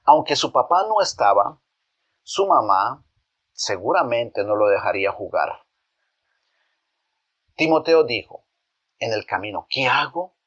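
A man's voice: medium pitch, big pitch swings, unhurried, long pauses, fairly bright tone. A man narrating a moral story for children, asking them questions directly as he goes. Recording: dull lo-fi recording.

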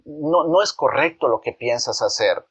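A man voicing a gentle, hesitant mother who reproves her son softly in a slightly raised storybook voice. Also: medium pitch, animated, moderate pace, close to an everyday voice. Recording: dull lo-fi recording.

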